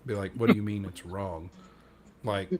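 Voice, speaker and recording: A man's voice: low-pitched, fairly even intonation, normal speed, background noise. A man on a podcast telling a rambling, self-deprecating story in casual chat, acting out what other people said. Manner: acts out quoted dialogue. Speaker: podcast co-host.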